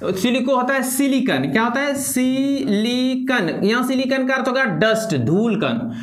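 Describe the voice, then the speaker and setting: A man teacher giving a blackboard lesson to students, speaking slowly, spelling out words and repeating them. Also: very high-pitched, lively intonation, roomy sound. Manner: slow, spells and counts letters aloud, repeats words.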